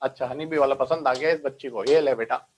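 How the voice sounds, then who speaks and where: A man's voice: mid-range voice, brisk, slight background noise. A man giving an online biology class, explaining step by step, mixing in English science terms and often checking that students follow. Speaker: biology teacher.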